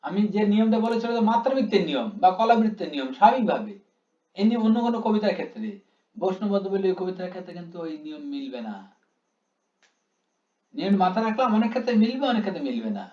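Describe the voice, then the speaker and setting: A man's voice: high-pitched, animated, fast, warm tone. A man teaching a class, explaining step by step and drawing out syllables to show how long they are. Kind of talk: classroom lecture. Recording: echoey room, dull lo-fi sound.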